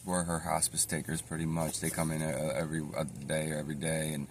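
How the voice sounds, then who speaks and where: A man telling his own life story in a casual, rambling way, with many fillers and self-corrections, going quiet and subdued at times. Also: extremely low pitch, monotone, fast talker, slight background noise.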